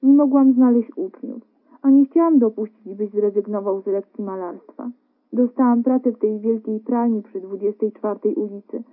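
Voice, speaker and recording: A woman voicing a loving and stubborn young wife in a radio story reading, talking in a bright, coaxing way. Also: medium pitch, normal speed, lightly acted. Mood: pleading. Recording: narrow phone-like radio broadcast.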